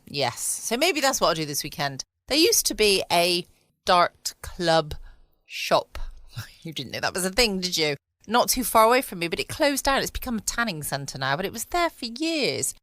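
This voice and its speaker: Recorded at studio quality with no room sound, her voice is deep and fairly bright. She's an adult woman past her twenties with a southern English accent, hosting a bedtime podcast from a quiet room at home, and her chat is playful, casual and self-mocking.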